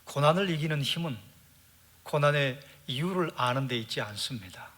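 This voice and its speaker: A male pastor preaching a sermon with rhetorical questions, moving between loud emphasis and hushed lines, then leading a prayer. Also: mid-range voice, lively intonation, moderate pace.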